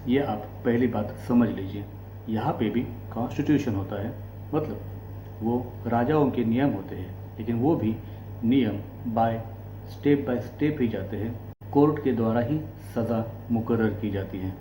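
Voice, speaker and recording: On his commentary channel, an Indian man explains politics straight to camera in a mellow, relaxed, mid-pitched voice, speaking deliberately in short, broken phrases. The room echoes, and faint noise and hum sit behind him.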